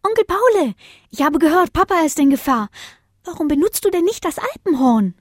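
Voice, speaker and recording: A woman's voice: very high-pitched, very animated, brisk, dry recording, clean studio sound, voice pushed up. A woman voicing the youngest male Saint Bernard puppy, anxious and pleading in a childlike voice. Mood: worried.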